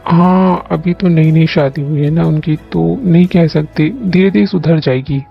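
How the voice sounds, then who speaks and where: A calm middle-aged father who reassures his wife in a fan audio drama. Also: mid-range voice, unhurried, creaky, husky, lo-fi sound, soft background music. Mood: soothing. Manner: soothing, reassuring.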